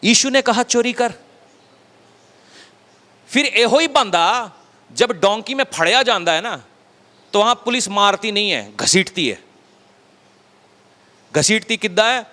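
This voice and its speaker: A man preaching a sermon as a pastor, talking conversationally and dropping his voice low to stress a point. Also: animated, measured pace, long pauses, sharp tone, big-room sound. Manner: conversational preaching, acts out quotes, drops low for emphasis. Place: church hall.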